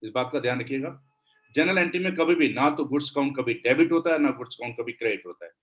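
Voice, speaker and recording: A man with an Indian accent teaching accounting in a classroom lecture, switching between Hindi and English and slowing down to dictate definitions. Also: mid-range voice, lively intonation, fairly bright tone, low-quality recording.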